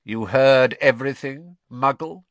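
A man voicing a cold, imperious, inhuman dark lord in an audiobook, speaking quietly and deliberately with cool menace. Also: medium pitch, very animated, dry recording. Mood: commanding. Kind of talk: audiobook character voice.

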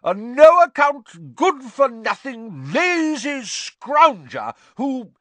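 Shrill, overbearing tipsy aunt. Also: male voice, big pitch swings, unhurried, a bit bright, no echo, full character voice. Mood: tipsy contempt. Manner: pompous, sneering, emphatic. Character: loud, overbearing, tipsy, spiteful middle-aged aunt. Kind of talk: audiobook character voice.

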